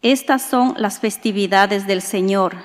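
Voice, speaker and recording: A woman reads scripture formally as a lector at Mass. Her medium-pitched voice takes its time over each phrase, and every line rings out with the long reverb of a large church. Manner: formal, measured recitation. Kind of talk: liturgical scripture and psalm reading.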